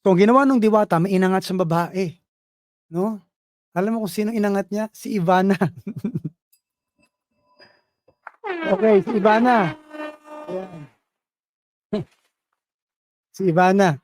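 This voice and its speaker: Lively male presenter telling a fable. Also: sits high, measured pace, long pauses, no echo. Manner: lively storytelling, asks audience "Tama?". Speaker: business presenter. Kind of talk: motivational talk with fable.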